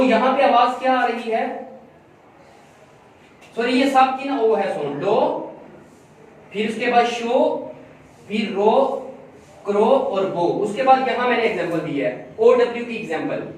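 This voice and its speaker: A woman teaching phonics at an unhurried pace, repeating each word and stretching its sounds. She stands well away from the mic in a very echoey classroom. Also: a little high. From Pakistan. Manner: repeats words slowly, drawing out sounds. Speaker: school teacher. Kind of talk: phonics lesson lecture. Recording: very echoey room, voice from far off.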